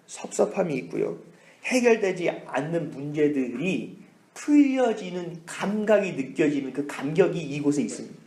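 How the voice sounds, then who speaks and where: Brief: male Korean-church pastor, sermon storytelling, somewhat high-pitched, roomy hall reverb. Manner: animated storytelling, whispers inner thoughts. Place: church sanctuary.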